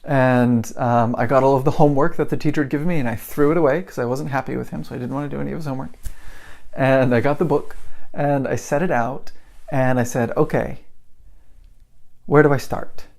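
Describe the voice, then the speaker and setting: A man's voice: medium pitch, steady tone, quick pace, vocal fry, a little mellow. A middle-aged man, an English teacher, telling a personal story in a chatty way with many restarts, acting out what he thought back then. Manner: chatty, many restarts and fillers, acts out his own past thoughts. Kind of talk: casual storytelling lesson.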